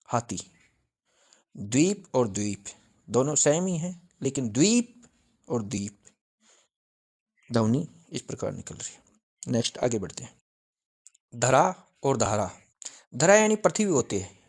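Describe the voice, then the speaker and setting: A man's voice: mid-range voice, darkish tone. A male teacher giving an exam-prep grammar lesson, repeating each point and asking questions that he answers himself. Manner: repetitive, drilling with question-and-answer.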